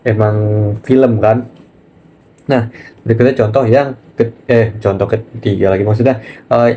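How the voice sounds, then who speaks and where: A man teaching a casual online language lesson, chatty and relaxed, often pausing on fillers and speaking to viewers as friends. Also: medium pitch. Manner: chatty, keeps saying "nah" and addressing viewers as friends.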